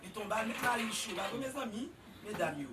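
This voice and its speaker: A man preaching a sermon in a church with a Haitian Creole accent, swinging from low murmurs to shouted exhortations. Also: lively intonation, normal speed, distant mic, very noisy.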